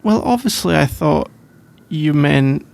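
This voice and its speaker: Playing a sleepy, shy, easygoing young college boyfriend for an intimate ASMR roleplay, a British man uses a fairly high, creaky, animated voice that is heavily acted. His mood is flustered and amused, and he rambles hesitantly in halting bursts broken by soft laughs.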